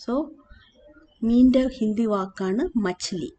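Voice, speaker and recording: A woman teaching a language lesson, slowly repeating and spelling out each word, with hesitant fillers and self-corrections. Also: on the high side, dark tone, muffled recording. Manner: slow, repeats and spells out words.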